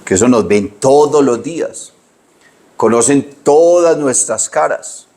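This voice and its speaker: A middle-aged man, preaching a sermon in a lively storytelling way, his pitch leaping up whenever he acts out what people said. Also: slow. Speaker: pastor.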